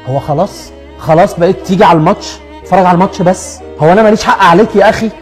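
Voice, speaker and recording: A man's voice: high voice, soft background music, close to an everyday voice. An actor playing a cheeky neighborhood barber who teases his customers nonstop, with an Egyptian Arabic accent, in a comedy sketch. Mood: teasing. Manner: teasing, bantering, rapid-fire jokes at customers. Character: cheeky joking neighborhood barber, adult man.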